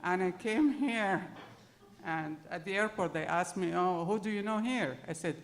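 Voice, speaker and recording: Sharing her immigrant experience on a panel, a middle-aged woman with an Arabic accent tells personal stories to the audience. She has a lowish voice and keeps a moderate pace.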